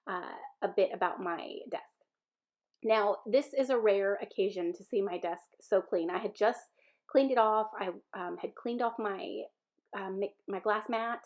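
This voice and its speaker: Stuffy-nosed Southern woman, chatty craft voice-over, rambling, slightly muffled recording. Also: mid-range voice. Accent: Southern American. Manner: chatty, rambling with fillers and self-corrections. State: stuffy-nosed from a sinus infection. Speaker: scrapbooking video creator.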